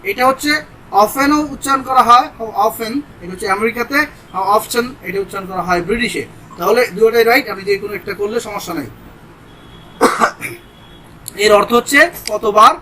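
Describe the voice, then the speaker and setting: A man's voice: high-pitched, normal speed, pauses often, bright, forceful tone, a little hiss or hum, poor audio. A man with a Bangladeshi accent teaching English grammar in a casual, step-by-step way, sweating in a hot room and switching between Bengali and English examples. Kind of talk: informal grammar lesson.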